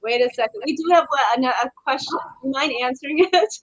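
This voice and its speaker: Woman, webinar host, higher pitch, dry close sound on a video call, chatty with fillers. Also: fast talker, no echo, rough recording. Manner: chatty, reads out viewer questions, many fillers. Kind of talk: live webinar Q&A.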